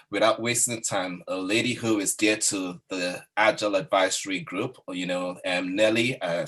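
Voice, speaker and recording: Male moderator, low and husky, introduces panelists on a video call. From Nigeria. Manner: warm, introduces each guest by name. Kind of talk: online panel discussion.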